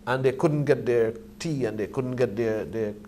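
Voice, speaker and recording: A man speaks in a mellow, medium-pitched voice at a moderate pace, with a Caribbean accent and a Rastafarian manner. He makes emphatic points while reasoning conversationally. The ambient background is clearly noisy.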